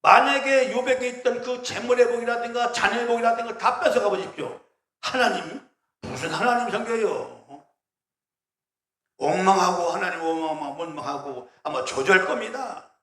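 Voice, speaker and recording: A man's voice: sits high, normal speed, fairly bright tone, reverberant. A man voicing a scheming, smug male devil in a sermon retelling, with a wheedling, mocking manner.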